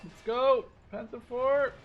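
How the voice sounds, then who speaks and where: This gaming host, a man in his twenties from Canada or the Netherlands, voices a casual, sweary let's play as he thinks aloud, over war game gunfire, artillery and vehicle noise plus soft background music. His very high, gravelly voice is fairly even and slow, and the highs are cut off.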